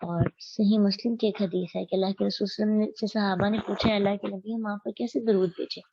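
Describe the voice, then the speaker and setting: A woman's voice: medium pitch, steady tone, fast talker, warm tone, breathy edge, highs cut off. A woman giving a religious study lecture as a Quran teacher. She recites Arabic verses and explains them step by step, asking her listeners questions.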